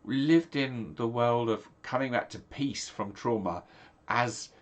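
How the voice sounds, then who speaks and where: A middle-aged pastor from England speaks slowly at a medium pitch in a casual video to camera. His voice is nasal and congested, and he rambles, filling gaps with ums and frequently starting over.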